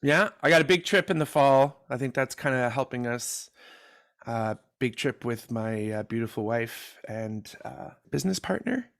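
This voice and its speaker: A man's voice: medium pitch, expressive, normal speed, gravelly, fairly bright tone. A man in his fifties co-hosting a podcast, chatting casually and joking, rambling with fillers. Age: 50s. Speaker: podcast co-host. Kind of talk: casual chat.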